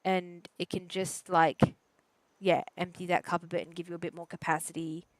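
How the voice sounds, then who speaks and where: A woman's voice: fairly low pitch, little pitch movement, normal speed, dry recording. Chatty woman therapist, dry close sound. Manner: chatty, rambling, many fillers and self-corrections. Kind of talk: casual advice chat while gaming.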